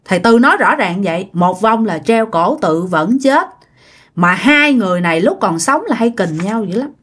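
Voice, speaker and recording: A woman's voice: mid-range voice, expressive, normal speed, fairly bright tone. Woman telling a ghost story, chatty, talks to listeners, voice bounces up and down a lot. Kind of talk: casual spoken ghost story.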